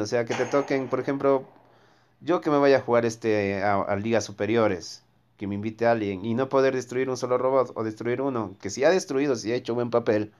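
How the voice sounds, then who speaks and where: A man's voice: mid-range voice, a little mellow. A man giving casual, rambling commentary to his viewers while he plays a game. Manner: chatty, rambling, talks to viewers while playing. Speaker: gaming streamer.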